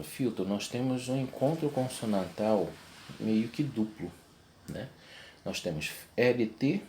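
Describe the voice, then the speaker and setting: A man's voice: mid-range voice, mellow. Man teaching a grammar lesson. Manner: explains step by step, checks in with "ok?" and "tá?". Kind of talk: video lesson.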